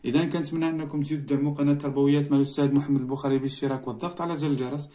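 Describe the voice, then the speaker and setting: A middle-aged man with a Moroccan accent teaches a French spelling exercise, moving between languages and saying each word slowly twice. His voice is mellow and relaxed but pitched a touch high for a man. He explains each step patiently, like a classroom teacher. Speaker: primary school teacher. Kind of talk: French lesson walkthrough mixing Moroccan Arabic and French.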